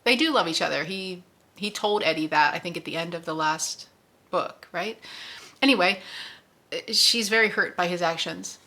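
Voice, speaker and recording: A woman's voice: fairly low pitch, normal speed, bright, forceful tone. A woman hosting a book club discussion, chatty and conversational, often correcting herself as she goes.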